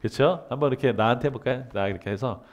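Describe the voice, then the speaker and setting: A man's voice: mid-range voice, fast talker. A man giving a humanities lecture, asking questions and then answering them himself, and acting out everyday dialogues. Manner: acts out everyday dialogue in lively voices.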